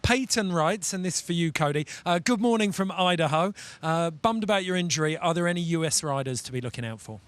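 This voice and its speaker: A man hosting a live sports talk show in brisk, upbeat presenter patter. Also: a little high, lively intonation, fairly bright tone, no echo. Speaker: host.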